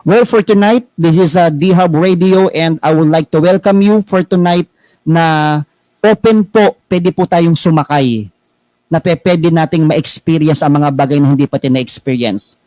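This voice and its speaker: Animated Filipino man telling a story. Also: on the high side, a little slow, no room sound, poor audio. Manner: animated storyteller, mixing Tagalog and English, often asking "okay?". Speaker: motivational radio host. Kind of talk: storytelling motivational talk.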